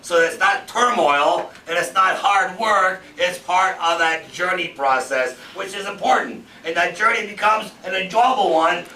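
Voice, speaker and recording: A man's voice: high voice, a little slow, few pauses, pushed and bright. Man, 50s, motivational seminar speaker; emphatic, repetitive, rhetorical; echoey room, mic at a distance. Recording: roomy, from far off, faint background noise.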